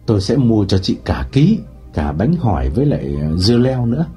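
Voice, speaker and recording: A man's voice: on the low side, sing-song, a little fast, dark tone, breathy edge, faint music behind, full character voice. A man reading an audiobook and voicing an earnest, obliging young man. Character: helpful, eager young man.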